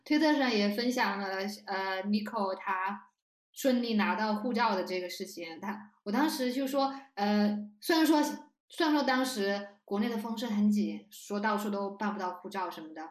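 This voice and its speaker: A woman's voice: mid-range voice, normal speed. Woman hosting a chat, easygoing, kinda echoey room. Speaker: host. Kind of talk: casual interview chat.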